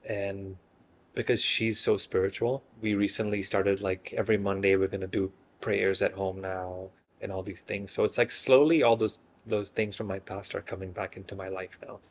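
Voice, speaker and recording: Man, 30s, from Singapore; hesitant, easygoing interviewee, lowish voice. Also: moderate pace, a little hiss or hum. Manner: relaxed, hesitant, many fillers and restarts. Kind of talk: casual interview chat.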